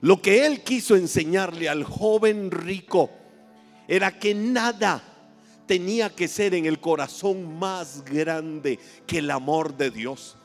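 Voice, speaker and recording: A man preaching a sermon, telling stories and asking the congregation questions, with dramatic pauses. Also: high voice, big-room sound, soft background music. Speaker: pastor. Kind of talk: sermon with storytelling.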